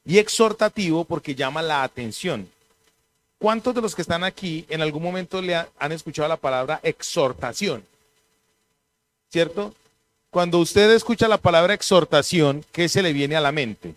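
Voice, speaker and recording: A middle-aged man with a Colombian accent, preaching a church sermon in a lively, conversational way with humorous asides. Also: on the high side, moderate pace. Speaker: pastor. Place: church service.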